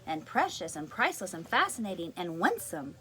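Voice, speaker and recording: A woman voicing a loving father in a storybook read-aloud, reassuring and a bit louder than her narration. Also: fairly low pitch, very animated, a little fast, rough recording.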